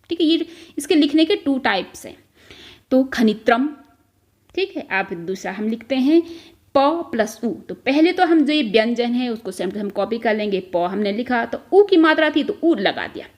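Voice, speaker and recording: A woman teaching a school textbook lesson, explaining each term step by step and often checking in with the listener. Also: a little high. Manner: explains step by step, repeats "ठीक है" often, mixes in English words.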